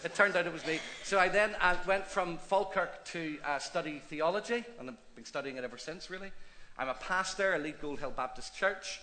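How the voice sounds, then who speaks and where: A middle-aged Northern Irishman, a pastor, shares his story on a church stage through interview and preaching, his accent clear. He speaks fairly quickly in a fairly high voice, animated, chatty and quick to laugh at himself, with slight background noise present.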